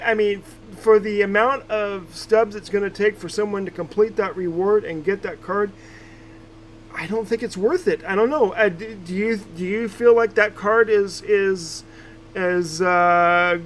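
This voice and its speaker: High-voiced man hosting a casual podcast. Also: a bit bright, slight background noise. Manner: halting, many fillers and restarts. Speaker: podcast host.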